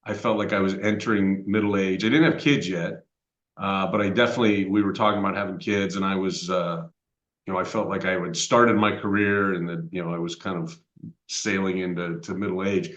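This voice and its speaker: Co-host, man in his fifties, lowish voice, musing and rambling, roomy dull recording. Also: fairly even intonation, brisk, fairly bright tone. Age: 50s. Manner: reflective, rambling with fillers. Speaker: podcast co-host. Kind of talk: casual chat. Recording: echoey room, dull lo-fi sound.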